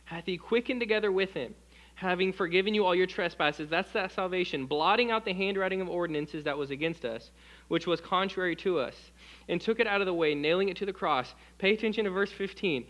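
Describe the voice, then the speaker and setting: High-voiced American pastor preaching. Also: male voice, a little fast, fairly bright tone, muffled recording. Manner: preaching with rhetorical questions and King James scripture readings; acts out quoted voices with shifts in tone. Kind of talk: evening church sermon.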